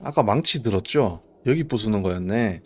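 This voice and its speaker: Animated, jumpy man streaming a horror game. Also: fairly low pitch, moderate pace, background noise. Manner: reactive, jumpy, shouting and talking to himself. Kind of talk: live horror game commentary.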